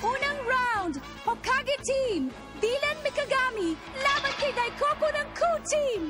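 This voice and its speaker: A woman's voice: very high-pitched, expressive, slow pace, heavily acted. An actress dubbing a formal female tournament announcer in a cartoon, calling out the matches. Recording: cartoon dub with loud music and crowd.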